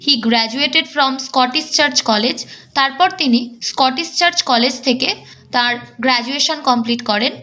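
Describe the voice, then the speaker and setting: A woman teaching an exam-prep English lesson. She reads English lines slowly, then explains them briskly. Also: high voice, sharp tone.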